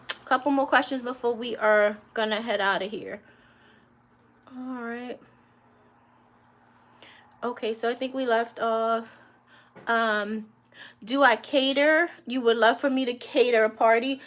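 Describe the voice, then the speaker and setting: A woman home cook on a live cooking stream, chatting casually with viewers and calling them honey and guys. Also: fairly high pitch.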